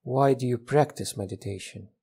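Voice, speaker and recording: This male meditation teacher has a slightly rough mid-range voice. He guides the session gently, his phrases short and unhurried, with long pauses between them.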